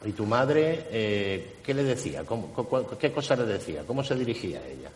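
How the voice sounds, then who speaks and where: Insistent low-voiced male hypnotist. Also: very animated, roomy sound, in a large hall, slight background noise. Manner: slow, insistent questioning. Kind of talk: guided hypnosis session.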